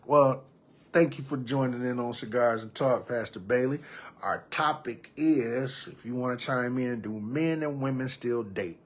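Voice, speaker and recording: A man's voice: mid-range voice, unhurried. A man in his thirties hosting a live podcast, talking casually and reading viewers' comments aloud. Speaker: podcast host. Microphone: computer or phone mic on a live stream.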